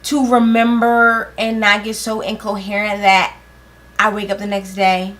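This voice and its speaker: A woman's voice: mid-range voice, level tone, moderate pace, fairly bright tone. Tipsy, giggly young woman chatting bluntly. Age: 20s. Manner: blunt, teasing, swears freely. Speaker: vlogger doing a makeup challenge. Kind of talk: casual chat while applying makeup.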